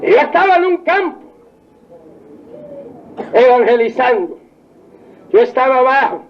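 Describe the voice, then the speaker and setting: High-voiced fervent old-time preacher. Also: male voice, big pitch swings, slight background noise. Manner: fervent, shouts hallelujahs, drawn-out emphatic phrasing. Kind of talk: old-time revival sermon. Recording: dull lo-fi archive tape with faint congregation.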